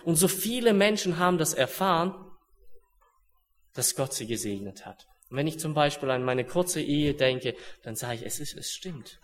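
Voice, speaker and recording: A man's voice: fairly high pitch, animated, moderate pace. Earnest man preaching a sermon. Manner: earnest, swings from hushed solemn to raised urgent.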